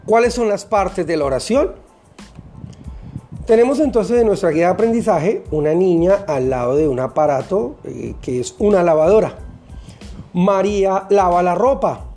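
A teacher gives a recorded lesson for children, speaking in a patient, deliberate way and spelling out each step. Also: mid-range voice, lively intonation, warm tone, soft background music.

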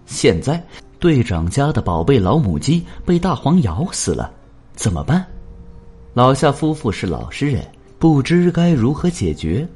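A man's voice: mid-range voice, sing-song, unhurried, a little mellow, husky. A man narrating a story expressively, shifting into voices for the characters.

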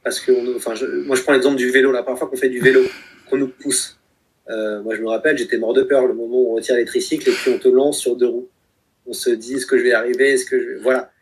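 A man's voice: medium pitch, level tone, fast talker, slight background noise. A man in his thirties talking reflectively in a conversation, with many hesitations and restarts. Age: 30s. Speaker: guest, author of a book project.

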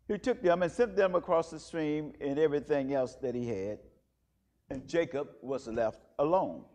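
A man leading a church service, intoning prayers and reading scripture in a measured, solemn way, with a cathedral echo around his voice. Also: on the high side, darkish tone. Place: large church. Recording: long echoing church reverb.

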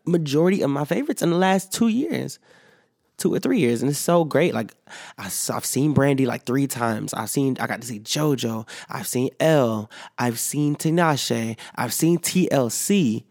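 His voice not fully back after illness, a podcast host rambles solo with fillers and swearing, expressive at a moderate pace. The medium-pitched voice carries vocal fry and a darkish tone, recorded in clean studio sound with no echo.

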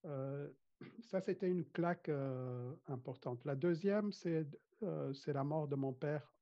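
Slow and dark-toned, the fairly high voice belongs to a Rwandan man who grew up speaking Kinyarwanda. As an interview guest he talks casually, hesitating, restarting many times, and laughing often. The audio sounds dull and lo-fi.

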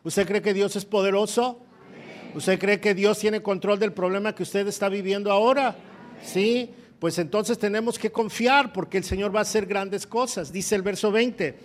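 A man's voice: high-pitched, steady tone, moderate pace. A man preaching a sermon, asking his listeners questions and reading scripture aloud with force. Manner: asks the congregation direct questions.

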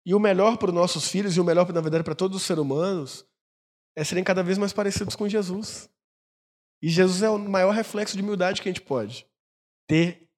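A man's voice: high voice, a little fast. A male pastor preaching a sermon, telling stories and acting out the people in them. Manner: storytelling, acts out quoted dialogue. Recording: long church reverb.

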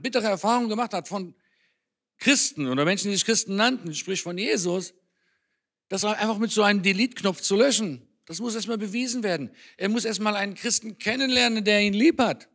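A man's voice: sits high, bright, forceful tone. A German-born man giving an earnest, conversational sermon in a church. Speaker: speaker on Israel at a church.

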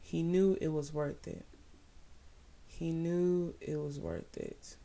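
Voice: mid-range voice, big pitch swings, slow pace, gravelly, warm tone. A speaker giving a casual devotional Bible talk, fervent and repeating phrases for emphasis.

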